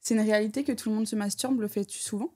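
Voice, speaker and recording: A woman's voice: mid-range voice, steady tone, fast, dark tone. A woman co-hosting a challenge video, talking in casual, playful banter and teasing her partner.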